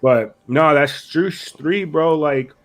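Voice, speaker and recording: Raspy hoarse guy chatting sports, slangy and blunt, swears a bit. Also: a little high, takes it slowly. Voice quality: raspy, rough voice. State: hoarse, sick. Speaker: sports podcast co-host. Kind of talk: casual sports chat.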